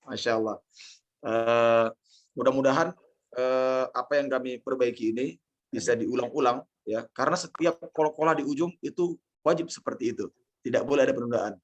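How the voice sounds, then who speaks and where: A man with an Indonesian accent teaching Quran recitation in an online lesson, patiently correcting a student and repeating sounds slowly. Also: medium pitch, lo-fi sound.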